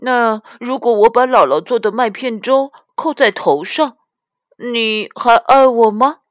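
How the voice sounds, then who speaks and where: A woman's voice: on the high side, unhurried, no room sound, clean studio sound, pitched above the performer's own voice, lightly acted. Woman doing a pleading little girl bear cub. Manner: pleading, questioning.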